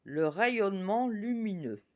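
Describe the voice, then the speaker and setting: A chatty woman presenting oracle cards on her channel, talking about herself in the third person and reading each card's message slowly. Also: mid-range voice, lively intonation, dull audio. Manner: reads card messages slowly.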